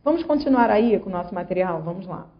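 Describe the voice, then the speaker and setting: Recorded in slightly dull lo-fi audio, a woman grammar teacher speaks quickly in an animated, mid-range voice. In her online lesson she patiently explains rules syllable by syllable and keeps inviting the viewer along.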